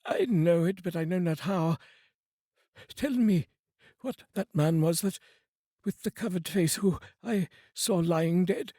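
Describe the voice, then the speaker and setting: A man voicing Scrooge as a terrified old miser, pleading desperately in an audiobook reading, with a husky voice. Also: high-pitched, takes it slowly, warm tone, no echo, studio quality, voice pushed up. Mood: urgent questioning.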